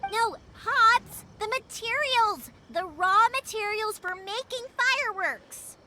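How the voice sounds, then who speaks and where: A woman's voice: extremely high pitch, very animated, moderate pace, a bit bright, slight background noise, full character voice. An actress playing a chatty, spirited young woman who runs a fireworks shop and speaks patiently to her deaf father. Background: game music.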